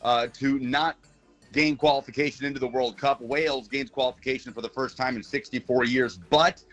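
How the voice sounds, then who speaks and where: A man's voice: medium pitch, fairly even intonation, a little fast, fairly bright tone. A man from Brazil, a regular on a sports talk show, calling in over a phone line and chatting in a wry, earnest way. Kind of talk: casual sports radio chat.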